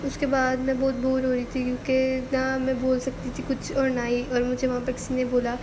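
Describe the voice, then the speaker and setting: Young woman vlogger, sore throat, high and very monotone, chatty rambling voice-over, noisy recording. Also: a little fast. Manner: chatty, rambling narration with frequent fillers. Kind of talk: casual vlog voice-over narration.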